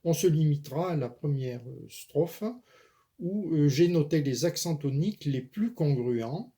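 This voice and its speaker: A man giving a measured spoken lesson on poetry, pausing often with hesitation fillers. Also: on the high side, expressive, dark tone. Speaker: poetry lecturer and author-declaimer.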